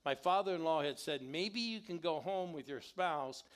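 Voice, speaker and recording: A man's voice: fairly high pitch, moderate pace. A middle-aged man, a guest pastor, tells stories in a sermon and calls on the congregation to answer back. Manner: animated, calls on the congregation to respond. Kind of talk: storytelling sermon. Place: church sanctuary.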